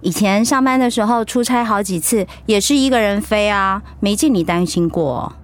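In a Mandarin radio drama, an actress with a Taiwanese accent voices an upbeat wife recovering from illness who teases and chides her husband while reassuring him. Her medium-pitched female voice moves at a moderate pace, lightly acted, with a candid, playful feel.

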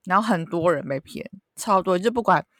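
A woman's voice: fairly low pitch, animated, a little fast, fairly bright tone, dry recording, clean studio sound. A woman co-hosting a casual chat podcast, teasing her friend and laughing often. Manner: teasing, jokey, frequent laughter. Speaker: podcast co-host.

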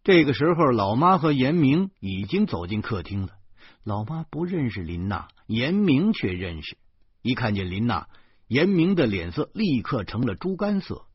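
A husky-voiced man reads a serialized novel aloud, his pitch moving in lively swings. It sounds dry and close, but dull and lo-fi. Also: normal speed, dry recording. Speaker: audiobook reader.

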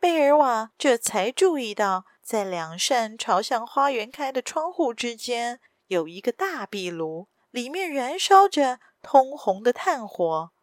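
A woman reading a story aloud as a podcast storyteller, steady and measured, close to the mic. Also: on the high side, no room sound. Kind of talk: scripted story narration.

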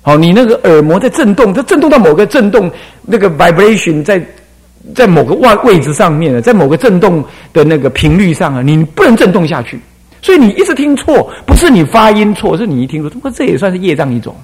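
A man's voice: high voice, quick pace, slightly rough. An older man from Taiwan, an abbot giving a Buddhist dharma lecture to monastics, breaking into sung and chanted examples as he explains. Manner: demonstrates singing and chanting, animated and playful.

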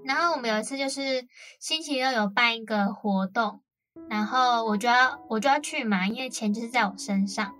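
Young woman, radio co-host, high-ish voice, chatty storyteller, clear music bed behind. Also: brisk, a bit bright. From Taiwan. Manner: chatty storytelling, many fillers. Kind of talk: casual radio chat.

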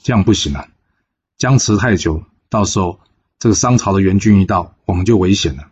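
A man's voice: sits low, a little fast, slightly rough, dull audio. A man voicing a weary male strategist who grumbles reluctantly, in a told folk story. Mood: worried. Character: weary male strategist, hesitant and put-upon.

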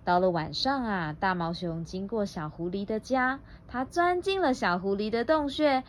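A woman's voice: medium pitch, animated, moderate pace, a little hiss or hum. A woman reading a picture book aloud to her child, playful and laughing, stopping often to quiz the child.

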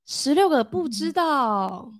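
A woman's voice: high voice, very animated, takes it slowly, background noise. A playful, joking woman with a Taiwanese accent chatting casually as a podcast co-host. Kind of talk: casual chat.

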